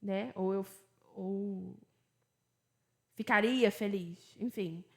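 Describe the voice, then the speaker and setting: A woman teaching English in a relaxed, chatty lesson, mixing explanations with English examples. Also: mid-range voice, slow, creaky. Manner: chatty, switches between Portuguese and English examples. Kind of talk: casual bilingual lesson.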